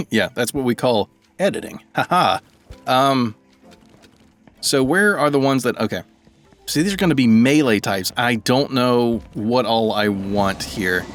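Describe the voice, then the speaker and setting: A man's voice: mid-range voice, lively intonation, a little slow, faint music behind. A man giving casual let's-play commentary, thinking aloud and rambling as he plays. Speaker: gaming video creator.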